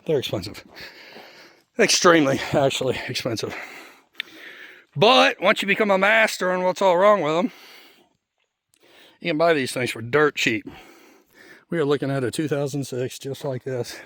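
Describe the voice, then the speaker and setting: A man's voice: fairly high pitch, expressive, normal speed, long pauses, a bit bright, no echo. A man, talking casually and bluntly as he walks his homestead, a little out of breath. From Kentucky. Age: 40s. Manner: rambling, folksy, blunt. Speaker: homesteading vlogger. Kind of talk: casual vlog monologue while walking. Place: outdoors on a homestead.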